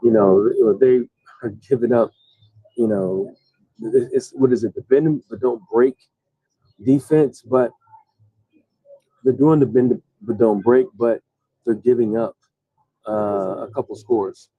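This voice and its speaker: A tired man hosts a casual sports live stream and rambles, restarting his sentences often. His voice sits in a middle pitch. The sound is dry and a little dull, like a lo-fi mic. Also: fairly even intonation, measured pace, long pauses, husky, no echo. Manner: rambling, many restarts and fillers. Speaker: host reading live chat.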